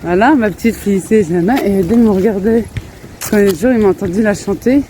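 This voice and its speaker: A woman's voice: medium pitch, fairly quick, warm tone. A woman in her thirties chatting casually in a family vlog, laughing often and breaking off to talk to her children outdoors. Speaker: family vlogger. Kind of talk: casual vlog chat while out with her kids. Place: outdoors in a park. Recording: faint outdoor street noise.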